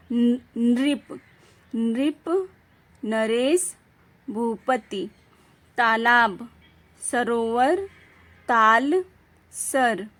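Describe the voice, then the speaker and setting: A woman leads a classroom lesson at a very unhurried pace. Her voice sits fairly high, and she repeats each word and poses questions to her pupils as she goes. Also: a bit bright. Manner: slow, deliberate, repeats words and asks questions to the class. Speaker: Hindi teacher.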